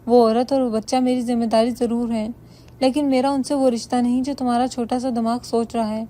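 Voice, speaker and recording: A woman's voice: fairly high pitch, flat delivery, mellow, natural voice. A woman voicing a wealthy husband who speaks coldly and commandingly. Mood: stern. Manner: cold, commanding. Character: wealthy husband, stern, controlling man.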